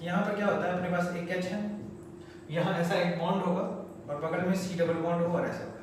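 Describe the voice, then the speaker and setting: A male chemistry teacher, lecturing at the board in a chatty, coaxing way and repeating terms slowly for students. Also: high-pitched, steady tone. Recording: very echoey room, mic far off, faint noise.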